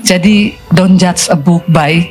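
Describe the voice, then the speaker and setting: A middle-aged woman pastor preaching in a lively storytelling way, acting out quoted voices and dropping in English phrases. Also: fairly low pitch, slow pace, soft background music. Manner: colloquial, mixes in English phrases. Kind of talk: sermon.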